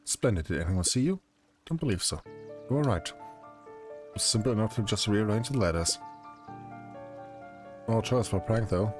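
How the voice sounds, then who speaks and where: A man's voice: fairly low pitch, expressive, moderate pace, long pauses. A man streaming an indie game, casually reading its dialogue aloud and commenting. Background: game music.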